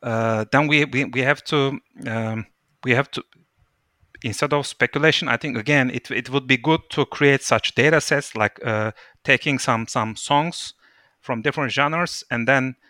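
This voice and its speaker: A man taking part as a guest in a casual discussion, explaining his points thoughtfully with lively emphasis. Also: mid-range voice, a little slow, no room sound, clean studio sound.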